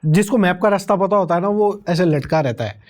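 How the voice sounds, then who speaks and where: A man's voice: high-pitched, brisk. A young man giving a sarcastic, rambling comedic review of a film, incredulous at the plot. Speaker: movie reviewer. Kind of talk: comedic movie review rant.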